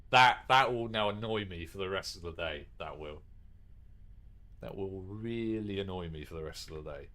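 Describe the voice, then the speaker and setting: A low-pitched man with a sharp tone streams a train game at a moderate pace. Chatty and talking straight to viewers, he swears and mocks himself.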